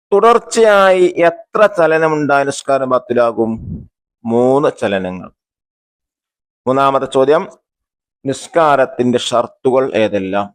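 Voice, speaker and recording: Man explaining a religious textbook lesson. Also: medium pitch. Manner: reads the textbook aloud, then explains and glosses terms; asks questions and answers them himself. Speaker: religious school teacher.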